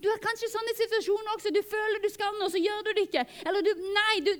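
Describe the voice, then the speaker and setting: A woman preaching a sermon as a guest speaker, telling stories earnestly and acting out the dialogue. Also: extremely high pitch. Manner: earnest, animated storytelling with acted-out dialogue. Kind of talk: sermon with storytelling.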